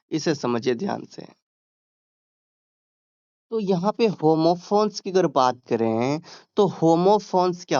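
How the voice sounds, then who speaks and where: Man, Hindi accent, exam tutor, slightly high voice, checks in often, dull dry recording. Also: a little mellow, clean tone, no echo. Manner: explains step by step, drawing out English words and checking in often. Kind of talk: exam-prep lesson.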